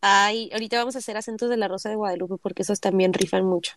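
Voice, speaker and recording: A woman, co-hosting a casual audio show, chatty and quick to laugh. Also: mid-range voice, steady tone, no echo. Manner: laughs often, playful and chatty. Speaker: co-host. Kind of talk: casual chat.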